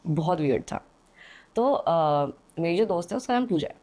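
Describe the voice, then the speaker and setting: A woman's voice: lowish voice, expressive, moderate pace, warm tone. A young woman, a podcast guest, telling a story in a chatty, casual way, with hesitant fillers and frequent "okay?" check-ins. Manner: chatty, checks in often with "theek hai". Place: indoor podcast studio.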